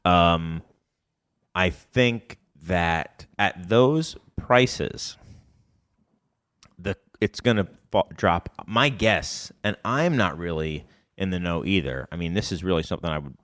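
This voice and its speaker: A low-voiced man with a hint of a Chicago accent chats loosely on a podcast. He hedges, rambles and keeps correcting himself. The recording is dry, with no room sound at all. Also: no room sound. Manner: rambling, self-correcting, hedging. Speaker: podcast co-host, beer bar owner. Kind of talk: casual chat.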